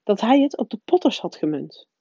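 A woman reading aloud voices a stern older female professor who talks in a high, urgent, faltering way. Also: big pitch swings, brisk, mellow, slightly rough, dry recording, heavily acted. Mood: shaken, tearful. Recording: dull, dry lo-fi recording.

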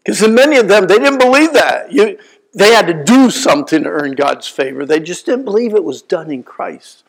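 A preacher in his sixties tells a story from the pulpit, his voice a touch high and rough with gravel. He jumps from loud, excited bursts to hushed asides. It is lively, personal sermon storytelling. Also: moderate pace, poor audio. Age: 60s. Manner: animated, swings from loud bursts to quiet asides.

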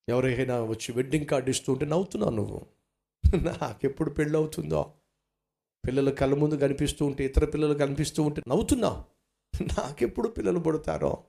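A man's voice: on the high side, vocal fry, mellow. A man preaching an impassioned sermon as pastor in a church hall, repeating lines with rising force.

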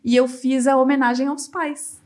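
A woman guest on a podcast, a civil engineer, telling stories in a lively way and acting out what others said. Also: sits high, moderate pace. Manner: lively storyteller who acts out quoted dialogue. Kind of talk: casual interview storytelling.

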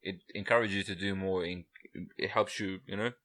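A man's voice: low-pitched, fairly even intonation, brisk, fairly bright tone. A man in his twenties co-hosting a casual podcast chat, laid-back, laughing often and saying "bro" and "you know" a lot. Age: 20s. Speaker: podcast co-host.

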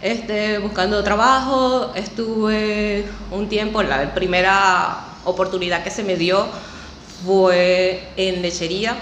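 A woman's voice: mid-range voice, steady tone, slow pace, fairly bright tone. A woman from Venezuela, a podcast guest, telling her story in a chatty way with frequent laughs and a nervous edge. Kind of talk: casual interview. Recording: echoey room, faint noise.

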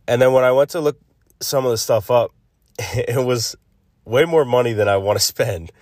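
A man hosting a casual solo devotional podcast, thinking aloud haltingly, recorded on a phone's built-in mic instead of a proper microphone. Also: medium pitch, a little mellow, no echo. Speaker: podcast host. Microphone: built-in phone mic, no separate microphone. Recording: close, dry phone recording.

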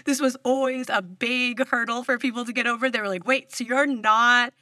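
This public radio journalist, a New York woman in her thirties from the US East Coast, is chatting casually as an interview guest, laughing often between words and using lots of fillers. Her pitch is fairly high and her tone steady, bright and forceful at a normal speed. The recording is studio quality with no echo.

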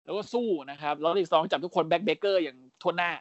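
A man co-hosting a casual podcast, recapping events as an animated storyteller, full of crude slang and mimicked voices. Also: high-pitched, moderate pace, dry recording, lo-fi sound. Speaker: podcast co-host.

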